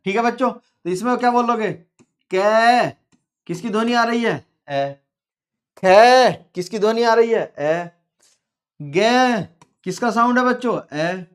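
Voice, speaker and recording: A man with a very high-pitched voice teaches his pupils a grammar lesson. He goes slowly and repeats himself, stretching out sounds and putting questions to the class.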